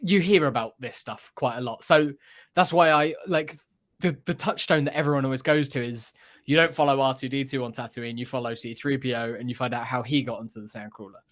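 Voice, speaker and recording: A man serving as a podcast panelist talks casually and enthusiastically about a radio drama, rambling on about what he's been listening to. His voice is medium-pitched and fairly bright, and he speaks a little fast.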